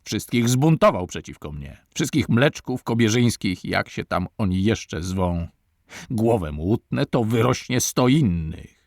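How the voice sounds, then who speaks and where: A haughty, hot-tempered prince who sneers and barks commands, voiced by a man reading aloud. His voice sits low with a gravelly edge. The sound is dry and close. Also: lively intonation, measured pace, dry recording. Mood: scornful.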